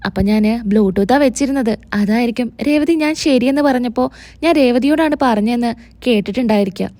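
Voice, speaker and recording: Woman doing apologetic young wife, explaining, mellow. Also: a little high, brisk, no room sound, lightly acted.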